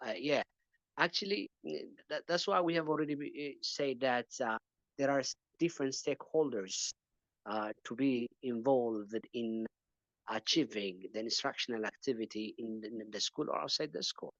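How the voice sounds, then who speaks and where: A man's voice: medium pitch, moderate pace, fairly bright tone, no echo, highs cut off. A man from Ethiopia answering questions as a panelist in an online teaching webinar, talking hesitantly with many fillers and repeated words.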